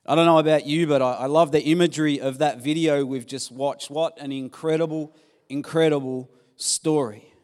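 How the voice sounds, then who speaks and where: A man's voice: on the high side, steady tone, normal speed. A man preaching a sermon in a church, rousing the congregation with enthusiasm. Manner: warm, enthusiastic, audience-rousing. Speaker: pastor. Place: church hall. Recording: echoey church hall.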